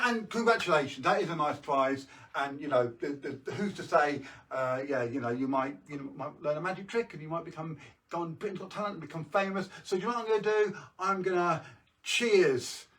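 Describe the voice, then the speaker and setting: A man's voice: fairly high pitch, a bit bright, far from the mic. A British man doing jokey kids' party magician patter, presenting tricks on a live show with casual asides to viewers. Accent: British English.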